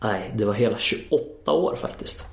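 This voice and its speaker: A man hosting a radio show who asks quiz questions and interviews a guest in a relaxed, friendly way. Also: lowish voice, gravelly, roomy sound. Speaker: radio host.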